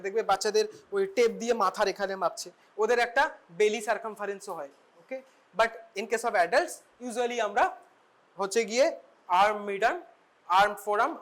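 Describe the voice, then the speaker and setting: A young woman with a Bengali accent teaching a medical class, her voice sitting a little high. She mixes English and Bengali, often fast, and punctuates points with tag questions like "okay" and "right". The delivery is that of a lecture to a room of students. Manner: switches between English and Bengali, quick asides with questioning tag words.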